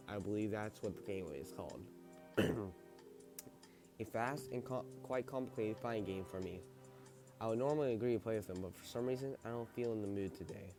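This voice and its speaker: A man narrating a visual novel as he plays, reading haltingly, with stumbles and self-corrections. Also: on the low side. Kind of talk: narrated read-through with character dialogue.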